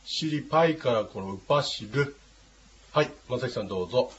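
A man teaching a language class, patient and unhurried, with many hesitating fillers. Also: mid-range voice, animated, a bit bright. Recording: dull lo-fi with faint noise.

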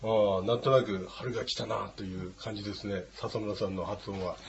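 A man teaching a language class, patient and unhurried, with many hesitating fillers. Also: fairly low pitch, fairly even intonation, gravelly. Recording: dull lo-fi with faint noise.

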